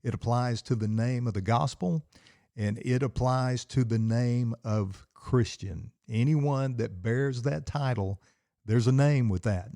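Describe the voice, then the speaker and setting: Alone at the mic in his basement, a middle-aged podcast host and pastor preaches, building himself up the way he would in a pulpit. His voice is warm and low, a little slow, and recorded close and dry with no room sound. Fired up, he drives his points home with repeated, emphatic phrases.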